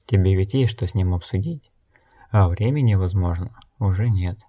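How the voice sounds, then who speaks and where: Brief: steady blind wanderer woman, read by a man with a lowish voice, measured and calm.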